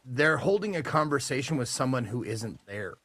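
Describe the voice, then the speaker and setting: A man's voice: medium pitch, animated, normal speed, a bit bright, dry recording. A man in casual podcast chat who jokes and swears freely.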